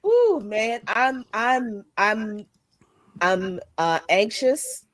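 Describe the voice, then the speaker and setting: A woman's voice: fairly high pitch, very animated, extremely slow, no room sound. A woman on a video call talking casually with many hesitant restarts, her voice sounding hollow as if in a tunnel. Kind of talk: casual chat. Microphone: video call microphone.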